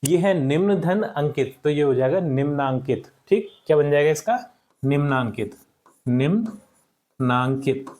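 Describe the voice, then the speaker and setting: A young adult male teacher giving a recorded lesson to schoolchildren, repeating each word slowly and checking in with the class after each point. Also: fairly high pitch, mellow. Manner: addresses the class as children, checks with "ठीक".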